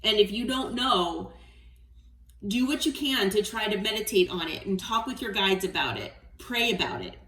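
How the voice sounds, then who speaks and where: A woman giving a collective tarot reading in a gentle, encouraging way, often checking in with "okay?". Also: medium pitch, animated, moderate pace, recorded from a distance. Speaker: tarot reader. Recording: roomy sound, voice away from the mic.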